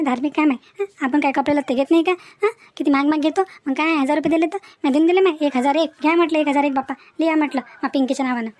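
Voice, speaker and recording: Gossiping in a high-pitched, natural-sounding voice, a woman plays a talkative village housewife with a sharp tongue in a comic cartoon. She has a rural Varhadi accent from Maharashtra and an emphatic manner, and there is no room sound at all.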